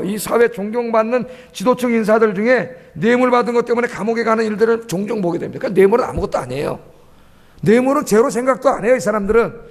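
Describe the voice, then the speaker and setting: Brief: male pastor, emphatic sermon delivery with rhetorical questions, high-pitched voice, reverberant sanctuary. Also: gravelly. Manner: emphatic, asks the congregation questions and answers them. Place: church sanctuary. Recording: echoey church hall.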